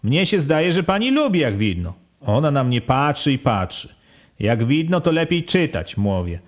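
Male reader, fairly high voice, expressive storytelling, pitch jumps on dialogue. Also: moderate pace. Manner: expressive, lifts pitch sharply for quoted speech. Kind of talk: audiobook reading of rural first-person prose.

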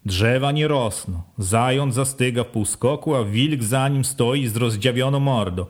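A man's voice: medium pitch, measured pace, lightly acted. A man doing a grave old wandering beggar. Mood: warning. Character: old wandering male beggar, solemn, pious, brooding.

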